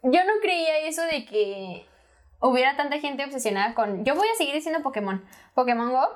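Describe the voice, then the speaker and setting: A young woman with a Mexican accent and a high voice. She talks in an easy, slangy way, teasing her co-host as she tells an anecdote. This is relaxed podcast conversation. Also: a little fast. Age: young adult. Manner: lively storyteller, slangy and teasing. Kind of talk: casual chat.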